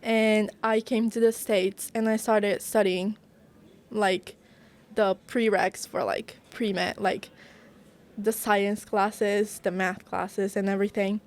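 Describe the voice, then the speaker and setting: A young woman, born in Brazil and raised in Japan, is a culinary arts student appearing as a guest in a casual interview. She speaks slowly and earnestly in a mid-range voice with little pitch movement, using lots of "like" fillers.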